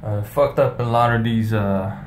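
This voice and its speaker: A man's voice: lowish voice, fairly even intonation, normal speed, echoey room. A nervous man vlogging on his phone in a mountain cable car, swearing often and talking himself through his fear of heights. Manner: drops to a hushed whisper at times. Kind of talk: casual vlog commentary. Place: outdoors in a gondola cable car high over mountains. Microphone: handheld phone. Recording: phone recording with wind and vehicle noise. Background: wind whistling and cable car hum.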